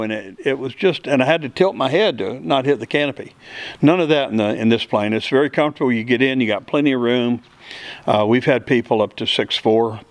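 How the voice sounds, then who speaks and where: A middle-aged man who builds and flies aircraft answers interview questions plainly and step by step, using many fillers. The interviewer holds a handheld mic in an open hangar, and his mid-range voice comes through on a dry recording.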